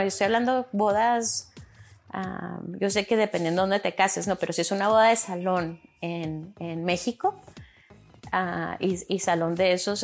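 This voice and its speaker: A young woman from Chihuahua, rambling casually as a podcast host and acting out quoted speech. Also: medium pitch. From Chihuahua, Mexico. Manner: rambling, many fillers, acts out quotes. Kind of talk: casual monologue.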